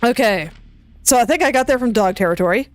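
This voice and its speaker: A woman's fairly high, animated voice comes through without echo as she plays a video game. She's a let's play gamer, chattering to herself in easygoing commentary and laughing quickly now and then.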